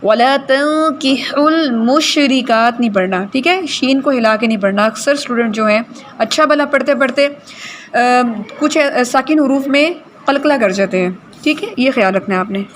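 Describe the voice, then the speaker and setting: A woman teaching Quran recitation in a class, correcting students' pronunciation and slowly modelling words for them. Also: on the high side, a little hiss or hum.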